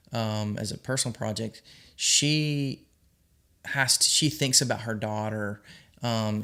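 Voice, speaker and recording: A man's voice: on the low side, fairly bright tone. A man, a film director, talking casually to his viewers, rambling with frequent ums and restarts as he gives earnest advice. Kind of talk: casual vlog monologue.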